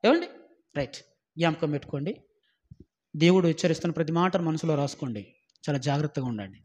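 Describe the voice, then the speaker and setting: Male preacher, high-pitched, emphatic and scolding, rhetorical questions, loud-to-hushed warnings. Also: lively intonation, fast. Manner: swings from loud exhortation to low, quiet warnings. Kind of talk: sermon.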